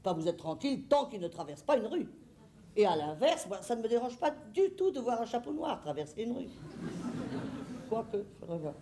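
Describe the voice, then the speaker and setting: A stage actress playing a flustered, fussy middle-aged hostess in a comedy monologue, rambling theatrically to the audience. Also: female voice, a little high, sing-song, a little fast, warm tone.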